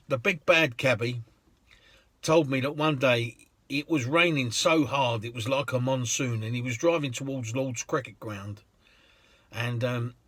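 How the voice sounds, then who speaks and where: Husky cabbie telling yarns. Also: male voice, medium pitch, fairly bright tone, no room sound. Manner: chatty, laughs often, many ums. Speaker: London cab driver. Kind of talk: anecdotal storytelling.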